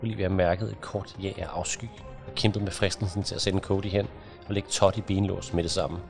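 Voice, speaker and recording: A man reading an audiobook in a measured, even narration. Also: sits low, gravelly, over music. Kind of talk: scripted narration.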